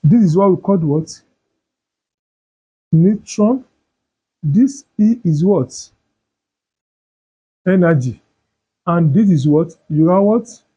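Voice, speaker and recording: Male chemistry teacher, slow, mellow and husky, quizzes the class and supplies the answers. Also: sits high. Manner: asks questions and fills in the answers himself. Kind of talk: chemistry lesson. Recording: dull lo-fi sound.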